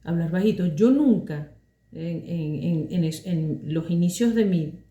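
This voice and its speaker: A Venezuelan woman with a deep chest voice, calmly telling a personal story as a voice teacher, unhurried and pausing often. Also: reverberant. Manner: calm, unhurried, with many pauses and fillers.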